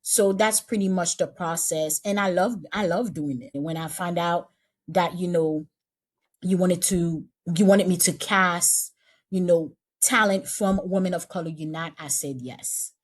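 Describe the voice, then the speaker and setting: A woman's voice: lowish voice, measured pace. Chatty woman casting director. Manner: chatty, repeats and restarts phrases. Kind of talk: casual interview chat.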